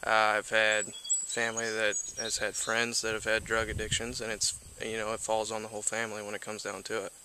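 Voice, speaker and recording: A man's voice: on the low side, completely flat delivery, fairly quick, hardly any pauses, noisy background. A man stopped outdoors in the countryside for a casual interview, who answers reflectively and searches for words. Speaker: passerby being interviewed.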